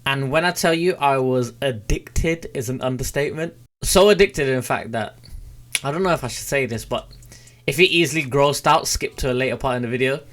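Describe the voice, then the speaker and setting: Chatting into a close desk mic with a foam cover on a boom arm, a British vlogger in his twenties tells informal stories to camera from a small room at home. His voice is medium-pitched, fairly quick and fairly bright, and his manner is casual with a bit of swearing.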